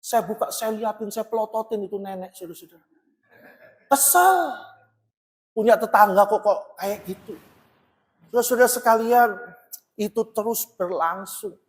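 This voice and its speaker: A man with a notably high voice preaching to his congregation, telling a story with animated emphasis and frequent direct address. His voice rings out through a large church hall with a long, trailing reverb. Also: fairly quick. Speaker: pastor. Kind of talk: sermon.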